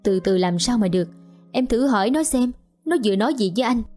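A woman's voice: a little high, animated, brisk, a little mellow, soft background music. A woman voicing a stern, hot-tempered poor village father who scolds harshly in an audio story. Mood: angry.

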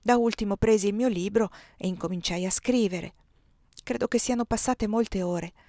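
Audiobook reader, woman, measured expressive narration, mid pitch, dry close sound. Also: dry recording. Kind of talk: novel reading.

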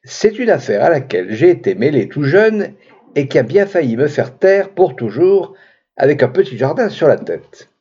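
A man's voice: a little high, sing-song, moderate pace, mellow, husky. Brief: male reader as a sinister old seaman in a storybook reading, on a dull lo-fi recording. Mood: lugubrious. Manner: lugubrious, sinister. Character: gloomy old male sailor telling a tale.

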